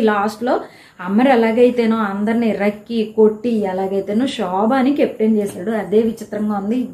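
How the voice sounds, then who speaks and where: A woman giving a casual, animated recap of a reality show episode, telling who quarreled with whom. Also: on the high side. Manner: chatty, animated retelling of quarrels. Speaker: show reviewer. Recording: echoey room.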